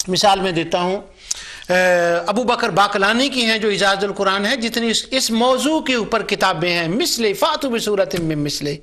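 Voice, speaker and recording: A man's voice: sits high, sharp tone. A middle-aged Islamic scholar giving a religious lecture, telling anecdotes and stressing his points through repetition. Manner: storytelling, acts out remembered dialogue. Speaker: Islamic scholar and Quran reciter.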